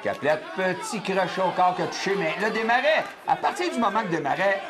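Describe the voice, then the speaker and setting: A man's voice: high voice, expressive, fairly quick. A man with a Quebec French accent giving live boxing analysis, explaining tactics in short bursts. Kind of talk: live sports commentary. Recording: clear crowd noise behind. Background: boxing crowd.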